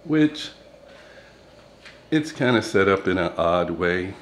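Deep-voiced man on a slow house tour. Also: animated, slight background noise. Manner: rambling and chatty, pauses with fillers. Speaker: vlogger giving a house tour. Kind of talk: casual walking-tour narration. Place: inside a two-story house, partly out on a balcony. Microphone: phone camera handheld while walking.

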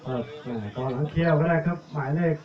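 A man giving live commentary on a village football match, reeling off player numbers and names and getting louder on attacks. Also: on the high side, fast talker, crowd noise. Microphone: cheap tablet recording. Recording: echoey, tinny, phone-like audio.

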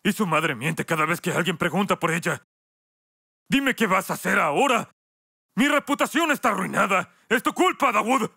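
A stern, gravelly aggrieved father. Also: sits high, animated, normal speed, sharp tone, dry recording, studio quality, exaggerated voice. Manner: stern, accusing. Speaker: voice actor in a film dub. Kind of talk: dubbed film acting.

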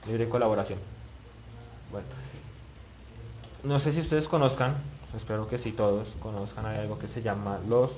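A man's voice: fairly low pitch, moderate pace, long pauses, a little mellow, muffled recording, a little hiss or hum. A man teaching web page building in a screen-recorded tutorial, thinking aloud and muttering as he clicks, with many restarts. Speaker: web development instructor.

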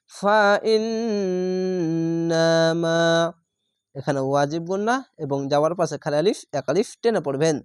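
A man's voice: on the high side, no room sound, clean studio sound. A man teaching Quran reading, spelling out each word syllable by syllable, stretching the vowels and repeating them patiently before explaining the rules.

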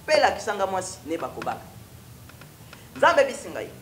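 The guest, a young prophet with a Congolese accent, gives his testimony in a TV studio with a stone wall set, switching from French to Lingala and back. His voice sits high with huge swings in pitch at a fairly quick pace. The recording sounds roomy, with background noise.

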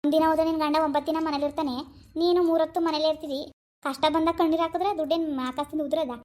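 A woman does cartoon voice acting as a harsh older village mother, scolding and scornful in rapid rural-style talk. Her natural voice is high and slightly mellow, with a level tone.

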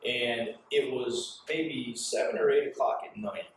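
A man in his thirties hosting a podcast interview, telling stories in an animated way, recorded in a small bar. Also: medium pitch, unhurried, a little hiss or hum. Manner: animated storyteller, gestures a lot. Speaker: podcast host. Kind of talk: conversational interview. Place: small bar with signed walls, indoors. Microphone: far camera in the room. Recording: very echoey room from far off.

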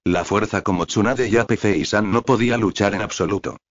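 A man narrates an audiobook in a low voice, fairly quick but even in pace, with minimal expression. The recording sounds dull and low-fidelity, like the top end has been trimmed away.

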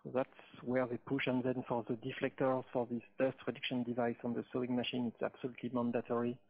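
Gravelly man on a tinny call line. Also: mid-range voice, completely flat delivery. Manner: halting, many pauses and fillers. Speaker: webinar panelist, seed treatment expert. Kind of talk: webinar Q&A answer.

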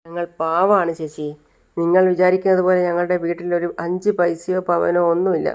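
A woman's voice: lowish voice, flat delivery, fairly quick, darkish tone, clean tone, dull audio, close to an everyday voice. A woman voicing a frightened young woman left home alone, panicking and pleading.

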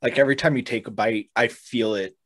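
A man's voice: medium pitch, a little fast, fairly bright tone. A man in his thirties bantering casually as a co-host with short reactions. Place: home room, on a video call. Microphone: headset.

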